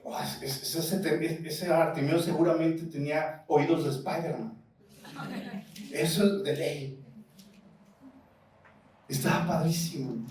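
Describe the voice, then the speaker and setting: Mexican male pastor, lively questioning preacher, high voice, recorded from a distance in a reverberant hall. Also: slow pace, pauses often. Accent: Mexican Spanish. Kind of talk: sermon. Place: church hall. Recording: echoey church hall, mic at a distance.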